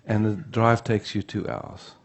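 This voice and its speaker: A man gives an unhurried spiritual teaching talk at a retreat, pausing often to check in with the room. His voice sits low and gravelly, with a dark, husky tone. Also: steady tone.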